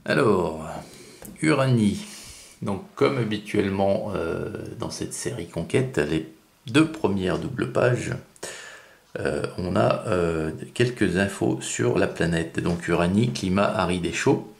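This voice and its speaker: A man's voice: low voice, animated, slow pace, vocal fry. A man giving a casual spoken review of a comic book, hesitant and full of fillers and restarts, often stressing that it is only his own taste. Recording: roomy echo.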